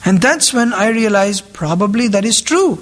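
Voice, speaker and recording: Lively intonation marks this man's high-pitched, fairly bright voice as he preaches to a group at normal speed. English is not his mother tongue, and he repeats key phrases while putting questions to the people listening.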